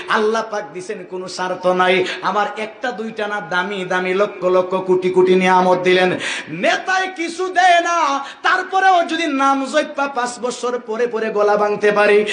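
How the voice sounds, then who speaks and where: A high-voiced man with a Sylheti Bengali accent preaches to a gathering, swinging between joking asides and loud calls for the crowd to answer. His voice booms through an echoey public address system, with a crowd faintly audible behind him. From Sylhet, Bangladesh. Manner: humorous, calls on crowd to shout responses. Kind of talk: sermon. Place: outdoor religious gathering with crowd.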